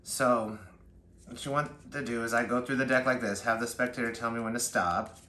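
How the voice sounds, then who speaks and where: Bright-voiced man doing card magician patter. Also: mid-range voice, steady tone, a little fast. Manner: casual, step-by-step narration to the viewer. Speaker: magician giving a trick tutorial. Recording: roomy echo, faint background noise.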